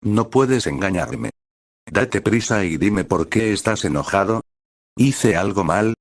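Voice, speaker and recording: A doting young husband who teases and coaxes in an earnest way, as a male narrator reads him. The voice is very deep. The audiobook recording is dry, with no room sound. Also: lively intonation, takes it slowly, dry recording. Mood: coaxing. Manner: earnest, coaxing.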